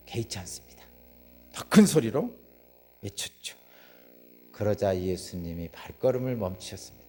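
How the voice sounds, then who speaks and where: A man's voice: fairly high pitch, a little mellow. A man preaching a sermon as pastor, telling the story vividly, asking the congregation questions and acting out the voices of the crowd.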